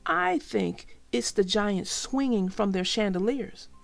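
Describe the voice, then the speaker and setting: A woman voicing a bold, playful young fox boy in a storybook, excited and grinning. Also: medium pitch, slow, vocal fry. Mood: cheerful.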